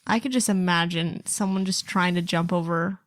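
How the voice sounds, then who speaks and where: A woman's voice: fairly low pitch, steady tone, normal speed, no echo, studio quality. A woman co-hosting a podcast, chatting casually and reading out listener stories, with lots of fillers and laughter. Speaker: podcast co-host.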